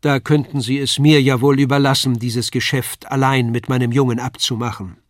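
A man's voice: mid-range voice, little pitch movement, normal speed, no echo, studio quality, natural voice. A man reading the part of a brusque, commanding craftsman father in a storybook. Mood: firm. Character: stern gruff father, craftsman, middle-aged man.

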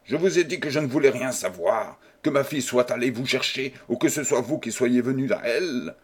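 A stern old baron from a storybook reading, proud and rigidly formal, as a man puts him on. His voice is husky, at a middling pitch. He lectures with wounded, icy dignity. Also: a little slow. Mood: furious. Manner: indignant, stiff and formal, then coldly businesslike.

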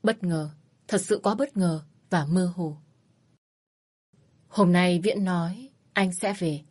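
A woman reading a first-person story in a measured, plain storytelling manner. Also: lowish voice, a little mellow. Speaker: narrator.

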